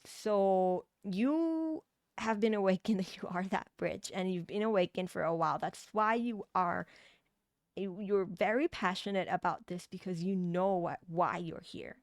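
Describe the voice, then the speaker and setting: A woman with a Thai accent does a pick-a-card tarot reading, meandering through her spiritual message with many restarts and fillers. Her lowish voice moves at a moderate pace, recorded in studio quality with no room sound.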